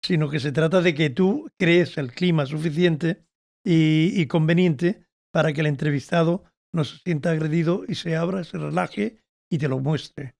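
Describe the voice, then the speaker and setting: A man, a biographer, speaking as an interview guest in an earnest, measured way and often agreeing. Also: fairly high pitch, vocal fry, a little mellow, no echo. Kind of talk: casual conversational interview.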